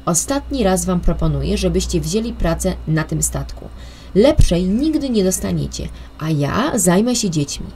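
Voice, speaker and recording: A woman's voice: on the low side, lively intonation, moderate pace, dark tone, a little hiss or hum. A woman voicing a bossy, wealthy middle-aged aunt who talks in a commanding, impatient way.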